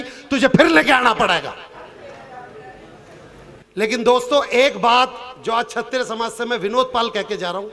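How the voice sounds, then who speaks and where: A man telling a comic story on stage at a poetry gathering. He acts out the characters and shouts some of their lines. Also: extremely high pitch. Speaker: stage poet. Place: outdoor stage event with audience laughter.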